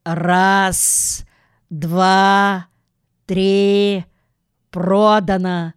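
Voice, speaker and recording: A brisk auctioneer from a storybook, calling out lots in a loud, announcing voice, as a woman reads him. The delivery is deliberate and clear, in a dry, close sound. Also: mid-range voice, level tone, no echo.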